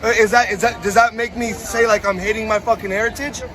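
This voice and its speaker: A man's voice: sits high, steady tone, fast. A man arguing insistently on a city street, repeating his questions and stammering into restarts. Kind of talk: heated street argument. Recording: phone video amid street crowd noise. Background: crowd and traffic.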